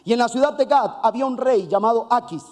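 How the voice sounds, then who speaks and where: A man preaching a sermon, telling a Bible story with lively asides and acted-out voices. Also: very high voice, fast, long reverb tail. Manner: animated storytelling with playful asides; acts out voices of biblical figures.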